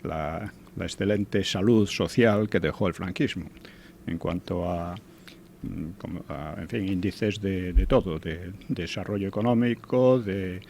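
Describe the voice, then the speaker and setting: A man's voice: low-pitched, unhurried, vocal fry, darkish tone, a little hiss or hum. Older man in hesitant commentary. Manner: hesitant, with frequent restarts and tag questions. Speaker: historian guest commentator. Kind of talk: conversational radio commentary.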